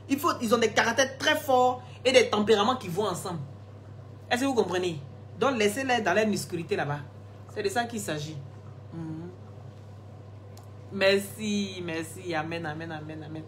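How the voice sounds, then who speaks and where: A woman's voice: fairly low pitch, a little hiss or hum. Chatty woman on a live stream. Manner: chatty, laughs often, teasing. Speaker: live-stream host selling skin products. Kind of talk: casual live-stream chat answering viewer comments.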